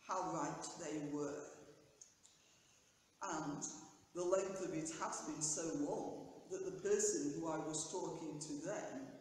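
An older woman priest gives a measured reflection and prayers, seated in a small church pew. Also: sits low, a little mellow, a little hiss or hum. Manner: measured, careful delivery. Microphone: camera at a distance. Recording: echoey church from far off.

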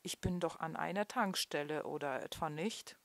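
A woman's voice: deep voice, moderate pace, fairly bright tone, no room sound. A woman voicing a confused, flustered man at a gas pump who stammers defensively in a trembling voice. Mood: baffled, indignant.

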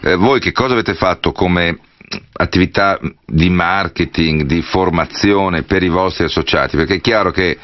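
A man's voice: low-pitched, normal speed. A male radio host putting long, winding questions with many asides to a guest. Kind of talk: radio interview. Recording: dull lo-fi radio broadcast.

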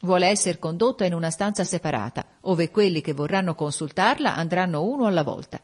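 A woman's voice: lowish voice, expressive, brisk, husky. A woman reading an audiobook voicing a hesitant male servant who reports nervously to his masters. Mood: deferential.

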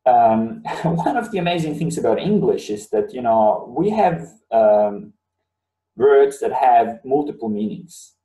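A university lecturer in his thirties, a native of Bosnia, teaches a webinar lesson, explaining things and repeating key words for emphasis. His mellow, low-brightness voice is sing-song and a little slow, and he sits a little off the mic in a room that rings, giving a roomy, distant sound.

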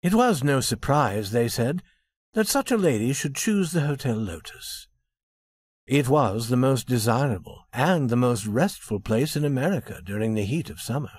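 A man narrating a storybook for English learners with expressive intonation. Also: mid-range voice, moderate pace, breathy edge.

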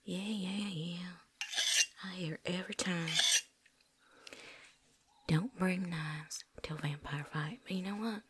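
A woman's voice: on the low side, takes it slowly, long pauses, noisy background. A woman voicing a chatty, folksy veteran vampire hunter with a put-on drawl and casual slang, talking around something in her mouth, in a whispered role-play. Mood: chatty, wry.

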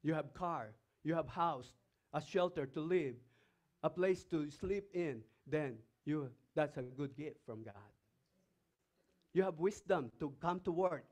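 A pastor from the Philippines preaches in a Filipino accent, his voice a little high with a darkish tone. He reads scripture passages aloud between remarks and challenges the congregation with emphatic questions.

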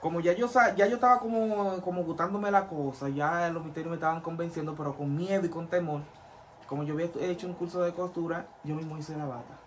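A Dominican-accented man, a former pastor who became a vodou priest, tells his story in a casual interview against a noisy background. His fairly high voice moves fast and animated, and he acts out other people's voices as he retells events.

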